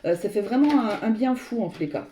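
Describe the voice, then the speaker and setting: A woman's voice: fairly high pitch, fast talker, noisy background. A woman giving a tarot card reading to her viewers, meandering and searching for words as she speaks to them directly. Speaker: tarot reader. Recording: roomy echo.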